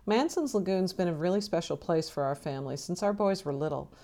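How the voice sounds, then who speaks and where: A middle-aged woman reading a reflective personal essay as a mother, measured and thoughtful. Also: fairly low pitch, dark tone. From British Columbia, Canada. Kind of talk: scripted personal narration.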